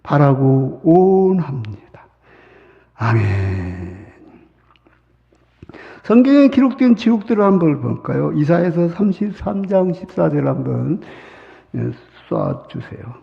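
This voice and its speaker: A male pastor preaching a sermon dramatically, dropping to whispers and rising to shouts. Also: on the high side, huge pitch swings, a little slow, gravelly, long pauses. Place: church sanctuary. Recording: muffled sound with long hall reverb. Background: long reverb.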